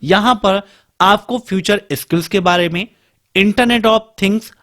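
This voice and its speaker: A man teaching an exam-prep lesson, briskly listing topics and speaking directly to students. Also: sits high, bright, forceful tone. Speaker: computer exam tutor.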